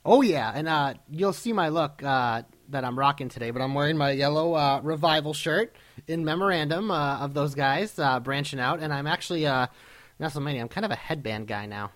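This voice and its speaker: A man co-hosting a podcast in casual fan banter, excitable and a little showy. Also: fairly high pitch, a little fast. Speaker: podcast co-host.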